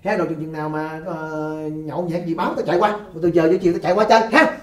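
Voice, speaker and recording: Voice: mid-range voice, rapid-fire, roomy sound, recorded from a distance, close to an everyday voice. A performer playing a chatty, boastful man who shows off his new house to old friends in a stage comedy skit.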